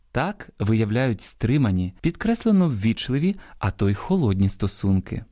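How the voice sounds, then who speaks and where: A man's voice: mid-range voice, mellow. A man presenting a scripted radio talk on language, explaining carefully and stressing the example words. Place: radio studio.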